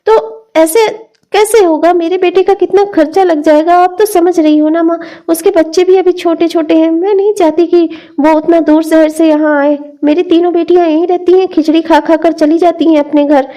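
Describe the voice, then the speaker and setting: A woman voicing a quick-tempered middle-aged cartoon mother who argues with her own mother. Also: very high-pitched, fairly even intonation, warm tone. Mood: defensive. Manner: indignant, arguing. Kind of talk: cartoon dialogue acting.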